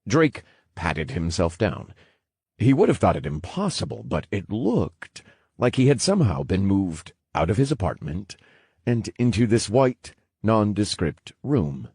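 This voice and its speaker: A man reads an audiobook with a very low, husky voice. His pace is slow and measured, yet his pitch moves widely for a wry storytelling feel. The sound is dry and close. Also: big pitch swings, darkish tone, no room sound. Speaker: audiobook narrator. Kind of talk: scripted audiobook narration.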